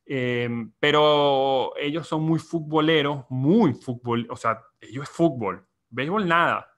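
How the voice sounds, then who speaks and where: A man's voice: medium pitch, takes it slowly, a bit bright. A young Venezuelan man hosting a casual podcast chat, reflective and explaining at length with plenty of fillers. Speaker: podcast host.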